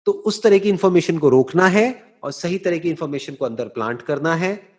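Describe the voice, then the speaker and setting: Male motivational speaker with a high register, measured and explanatory, mixes in English phrases. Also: lively intonation, darkish tone. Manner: slow, deliberate explaining with rhetorical check-ins. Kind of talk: explanatory talk answering a listener.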